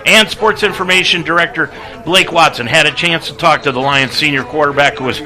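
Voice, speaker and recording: A man calling a college football pregame radio broadcast as play-by-play announcer, briskly reading scores, stats and lists of names. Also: on the high side, low-quality recording.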